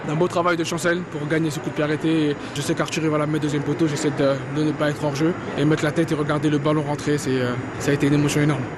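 A male footballer speaking quickly and earnestly in a post-match interview, his voice a little high and flat in its melody. A noisy outdoor field recording surrounds him. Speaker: football player.

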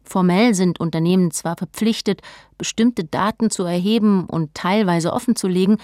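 A woman narrating a documentary script in a measured, informative tone. Her voice sits in the middle range and is recorded close and dry, with no room sound. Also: mid-range voice, darkish tone, no echo.

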